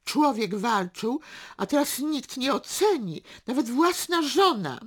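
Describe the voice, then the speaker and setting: A woman reading aloud as a loud, boastful, self-pitying father who shouts and blusters. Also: medium pitch, big pitch swings, a little slow, gravelly, pitched above the performer's own voice, heavily acted. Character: loud boastful middle-aged father, bitter braggart.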